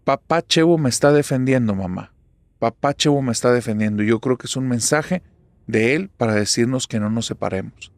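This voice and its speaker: A man's voice: mid-range voice, brisk, no echo, lightly acted. A man doing an insistent Mexican daughter. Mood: earnest. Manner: earnest, insistent pleading. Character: worried young adult daughter, earnest and insistent.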